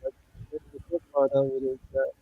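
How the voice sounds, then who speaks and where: A man's voice: medium pitch, completely flat delivery, unhurried, dry recording, phone-quality sound. A man in casual chat on a video call whose mic keeps cutting out, so his volume jumps and drops. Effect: mic cutting out, uneven volume. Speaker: collector on a group call.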